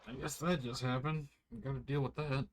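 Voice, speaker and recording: Streaming an online role-playing game, a man speaks a little fast in a mid-range voice with fairly even intonation. He's tired and yawning, and his easygoing commentary wanders, peppered with "like," against slight background noise.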